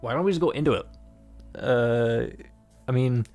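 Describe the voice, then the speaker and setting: A man's voice: mid-range voice, moderate pace, a little mellow, soft background music. A man playing through a visual novel, reading the narration aloud and adding rambling, joking remarks full of fillers. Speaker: game player and narrator.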